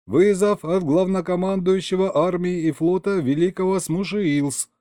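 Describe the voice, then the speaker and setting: A man voicing a cyborg male crewman who reports briskly to the captain. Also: high voice, mellow, dry recording, studio quality, pitched above the performer's own voice, close to an everyday voice. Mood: urgent.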